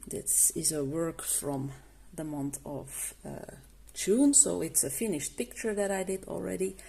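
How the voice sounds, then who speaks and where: A coloring channel host, a woman who isn't a native English speaker, reviews art markers casually. Her voice is lowish and dark-toned with vocal fry, and she takes her time. She sounds hesitant, often halting to restart sentences and leaning on fillers.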